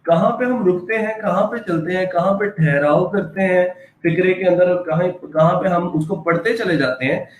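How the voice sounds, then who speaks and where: A man's voice: high-pitched, moderate pace, few pauses. Male teacher in an echoey room. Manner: explains patiently, full of fillers and "ठीक है". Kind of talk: classroom lesson. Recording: echoey room, faint background noise.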